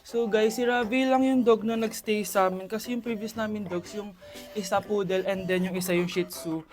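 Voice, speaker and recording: Chatty Filipina vlogger. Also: female voice, medium pitch, steady tone, moderate pace, a little mellow, faint music behind. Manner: chatty, switches into English, coos at her dog. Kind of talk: casual vlog narration.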